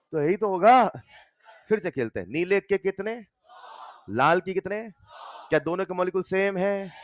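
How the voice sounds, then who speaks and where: Lively male chemistry teacher, dry sound. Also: sits high, smooth, no room sound. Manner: animated, quizzing students with rapid questions. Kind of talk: classroom lecture.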